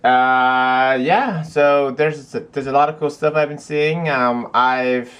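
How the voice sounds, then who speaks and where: Young man, vlogger, casual chat, rambling, chatty, medium pitch, at home. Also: fairly even intonation, slow, fairly bright tone, smooth. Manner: rambling, chatty, lots of fillers and restarts. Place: cold house.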